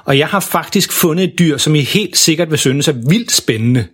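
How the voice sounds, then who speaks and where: A man playing a clueless, boastful father who talks loudly and proudly. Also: fairly high pitch, lively intonation, husky. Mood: boisterous. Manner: boastful, boisterous. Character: bumbling proud dad, loud and clueless.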